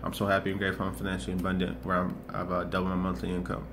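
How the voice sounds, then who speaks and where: Talking very fast, a man in his 20s delivers a casual, earnest motivational monologue in a low, fairly flat voice. He rambles, restarting often and looping back to repeat phrases as he thinks. Clear background noise sits beneath the recording.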